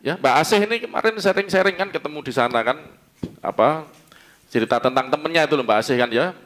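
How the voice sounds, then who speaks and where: Lively Javanese-accented pastor, chatty and joking. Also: male voice, a little high, fast. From East Java. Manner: chatty, joking, laughs often, asks the congregation questions. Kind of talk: conversational sermon. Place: church service.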